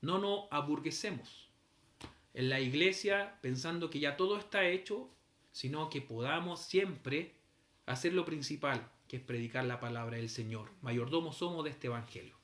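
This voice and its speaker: A man's voice: on the high side, moderate pace, fairly bright tone, echoey room. A middle-aged man, telling a story in a sermon, acting out voices and sounds as he goes. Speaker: preacher.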